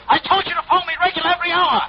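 A blustering shrill lawyer. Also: male voice, steady tone, very fast. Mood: exasperated. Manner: blustering, scolding. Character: blustering, exasperated male lawyer. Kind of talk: 1940s radio acting. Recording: noisy, muffled old radio recording.

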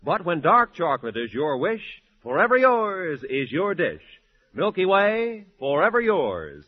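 A man giving a polished, lively sponsor announcement, heard from an old radio broadcast transcription disc. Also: high-pitched, measured pace. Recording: dull lo-fi old radio recording.

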